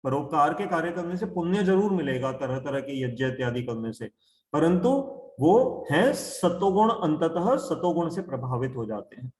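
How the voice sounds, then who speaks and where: A man teaching an online scripture class, explaining slowly and repeating key terms, asking questions and answering them himself. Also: a little high, animated, darkish tone, echoey room. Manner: asks and answers his own questions. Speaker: Gita teacher. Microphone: video call.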